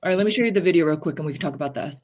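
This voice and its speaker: Talking very fast over a noisy background, a female podcast co-host shares blunt, strong opinions on a casual chat show. Fillers pepper her speech, and her pitch goes up when she stresses something.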